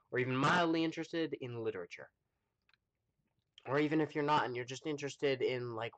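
A man with an American accent chatting casually to viewers during a live game stream, rambling with lots of fillers and pausing to eat. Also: medium pitch, a bit bright. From United States. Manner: rambling, chatty, full of fillers, talks while eating. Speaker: livestreamer playing a space game.

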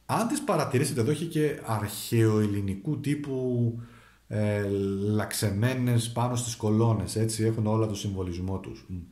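A man doing a casual tarot reading, talking straight to his viewers with coaxing asides. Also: lowish voice. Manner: animated, addresses viewers directly with coaxing asides. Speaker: tarot reader. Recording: echoey room.

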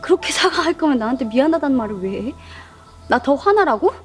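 An actress playing a frustrated young woman, a college senior, arguing with her younger boyfriend in a web drama; she speaks in a sharp, accusing way. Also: high voice, big pitch swings, fast talker, over music. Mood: angry, hurt. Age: young adult.

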